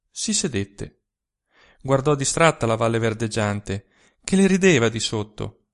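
A man narrates a classic short story in a volunteer audiobook. His reading is expressive and unhurried, with a mid-range voice and a slow, deliberate pace. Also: mid-range voice.

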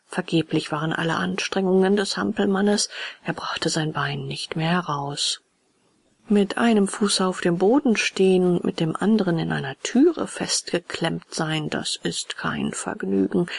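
A woman narrates a children's storybook in an expressive, partly whispered reading. Her voice is gravelly and husky with a lively melody, and the recording is close and dry. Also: lowish voice, no echo. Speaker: reader.

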